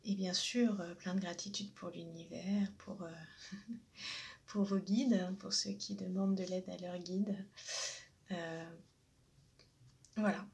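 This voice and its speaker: A woman giving a spiritual oracle card reading. She talks hesitantly with many fillers and often drops into a soft half-whisper. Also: lowish voice, steady tone, slow, vocal fry, long pauses.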